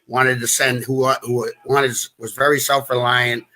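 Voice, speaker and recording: New England man, halting and chatty. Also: mid-range voice, level tone, sharp tone. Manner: halting, many restarts and fillers, chuckles. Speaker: guest. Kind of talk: casual live-stream conversation.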